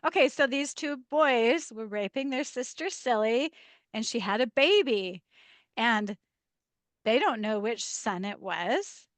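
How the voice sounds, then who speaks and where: A woman talking as a guest in a casual interview over a video call. She tells stories with lively energy, laughs often and acts out the lines of the people she quotes. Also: a little high, slow, dry recording.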